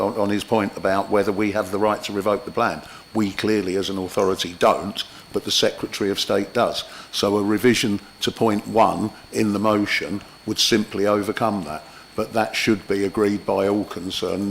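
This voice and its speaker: A councillor, a man with a husky voice, argues a procedural point in a council meeting, often repeating words as he goes. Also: lowish voice, a little hiss or hum. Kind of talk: committee debate.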